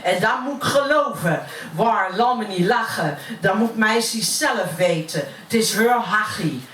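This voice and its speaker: A woman's voice: mid-range voice, animated, unhurried, fairly bright tone. A woman reciting dialect poetry as a brash, cheeky working-class woman with a broad Utrecht Dutch accent. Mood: gossipy, indignant. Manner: earthy, colloquial, cheeky. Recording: roomy, distant mic, faint noise.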